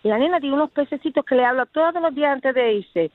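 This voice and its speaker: An older woman, a grandmother, calling in and rattling off a quick list of the pets in her home. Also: sits high, no room sound. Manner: rapid, listing things off. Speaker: caller. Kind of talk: call-in chat. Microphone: phone. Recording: tinny phone line.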